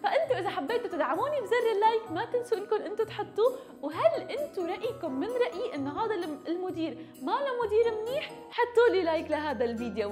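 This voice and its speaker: A woman with a Levantine Arabic accent giving playful, animated gameplay commentary, full of gasps, giggles and dramatic outbursts. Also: extremely high pitch. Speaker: gaming YouTuber.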